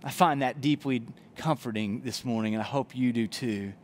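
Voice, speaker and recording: A pastor in his forties preaches an earnest sermon in a church chapel, standing indoors before a brick wall and wearing a headset mic. He gestures broadly as he speaks. His voice is medium-pitched and darkish at a normal speed, with a little hiss or hum.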